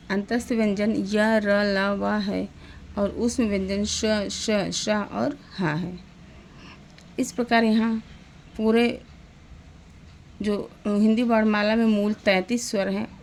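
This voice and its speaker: Woman, grammar teacher, slow, letter-by-letter lists, gravelly, faint background noise. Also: medium pitch. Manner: spells out letters one by one, slow and deliberate. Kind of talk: slow classroom lesson, reading out lists.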